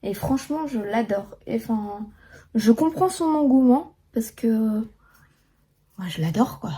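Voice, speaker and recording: A woman's voice: on the high side, expressive, a little slow, mellow, slightly rough. A young woman chatting casually through a makeup tutorial, full of fillers and restarts. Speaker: beauty vlogger.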